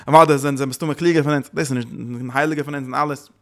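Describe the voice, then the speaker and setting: A man giving a religious teaching in a lively, rambling way, mixing in Yiddish and English words. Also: medium pitch, fast. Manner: lively, mixes Yiddish and English into his talk.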